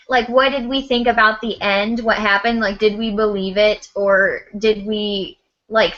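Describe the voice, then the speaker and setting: A young woman co-hosting a casual livestream book chat, rambling in an animated way with lots of "like". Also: medium pitch. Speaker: book club co-host. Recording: dull lo-fi video call audio.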